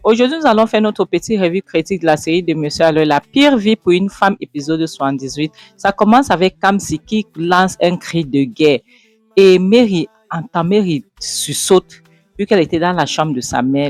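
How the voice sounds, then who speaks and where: A woman hosting a casual recap of a drama series, retelling scenes lively and acting out the characters' lines. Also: low voice, dry recording. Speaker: series reviewer and host. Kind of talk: casual spoken episode recap.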